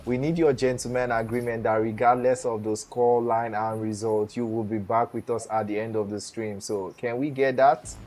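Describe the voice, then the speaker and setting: A man hosting a live esports stream from Nigeria, interviewing team managers in an energetic way and often repeating words. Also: mid-range voice, normal speed, hardly any pauses. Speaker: host.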